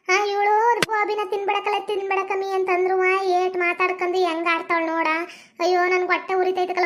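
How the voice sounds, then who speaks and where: A woman's voice: extremely high pitch, a bit bright. A woman playing a nagging middle-aged village mother-in-law with a North Karnataka Kannada accent. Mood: worried. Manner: nagging, scolding, fast complaining.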